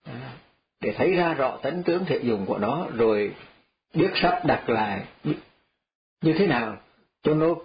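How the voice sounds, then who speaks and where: A man's voice: mid-range voice, lively intonation, a little slow, gravelly, long pauses. A man, a Buddhist monk, gives a folksy, repetitive dharma talk and chuckles as he tells parables. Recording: slightly dull lo-fi audio.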